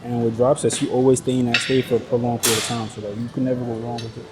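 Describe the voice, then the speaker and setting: Talking at a quick pace with a flat, medium-pitched delivery, a Nigerian fitness vlogger jokes to the camera mid-workout, slangy and sometimes profane, in English, his second language, with a Nigerian accent. There's background noise from the busy indoor gym's chatter, and he's on a clip-on body mic.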